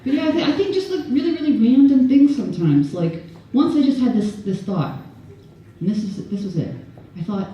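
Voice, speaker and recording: A Canadian woman with a warm, medium-pitched voice does a stand-up set at an event, rambling, self-deprecating, and laughing at her own jokes. Audience laughter sounds behind her. The echoey room was recorded from far off, with a slight hiss or hum.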